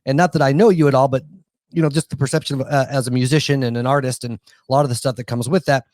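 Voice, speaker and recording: A man's voice: medium pitch, steady tone, racing, darkish tone, no echo. A male podcast host talking loosely and profanely, circling back through half-finished thoughts. His voice sits in the middle range, recorded close and dry with no room sound. He laughs along as he goes. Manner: rambling, profane, full of restarts and laughs. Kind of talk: casual podcast chat.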